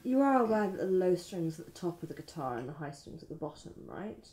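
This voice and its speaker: An actress playing a dry, patient female documentary maker asking deadpan questions off camera. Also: on the low side, quick pace, slightly rough, heavily acted. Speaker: documentary interviewer. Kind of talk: mockumentary interview.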